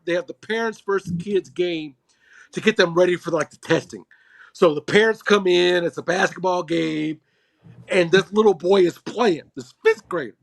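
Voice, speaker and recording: Animated high-voiced man telling stories. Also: creaky, no echo. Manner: animated storyteller, swears freely. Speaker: roundtable panelist. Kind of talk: casual podcast banter.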